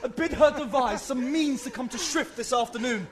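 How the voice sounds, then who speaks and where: A man playing an eager young man in love in a Shakespeare play, giving hurried instructions. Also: extremely high pitch, crowd noise. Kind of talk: Shakespeare stage acting.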